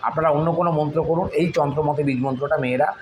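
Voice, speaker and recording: A man who chants mantras slowly and then explains their spelling and use in religious instruction. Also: on the high side, fairly even intonation, a little hiss or hum, rough recording. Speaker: astrologer teaching tantric mantras.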